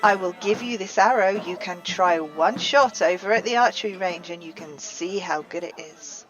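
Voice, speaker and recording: A woman's voice: lowish voice, moderate pace, dull audio, close to an everyday voice. A woman voicing a slippery male weaponsmith in a tabletop game, giving mock-sincere, wheedling sales patter. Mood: persuasive. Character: slippery male weaponsmith, smooth-talking fantasy arrow salesman.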